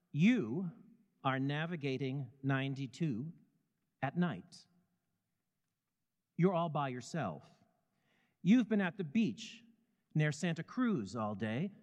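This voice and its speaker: A man narrates a scripted story in second person, measured and vivid. His pitch swings widely through the lines. The voice carries a long hall reverb. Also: a little mellow.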